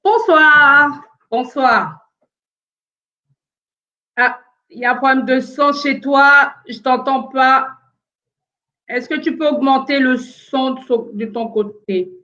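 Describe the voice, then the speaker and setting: A woman from France of Congolese origin hosts a casual live stream from home, speaking haltingly with many fillers as she sorts out sound problems with her callers. Her voice is a little high, bright and forceful, and the audio is dull and lo-fi.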